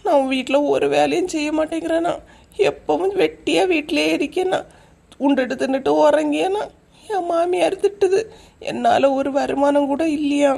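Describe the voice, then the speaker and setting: A woman playing a whiny young wife, gravelly high voice. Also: expressive, a little slow, hardly any pauses, a bit bright, heavily acted. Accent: Kanyakumari Tamil. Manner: whiny, sulky. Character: lazy young wife, whiny and self-pitying.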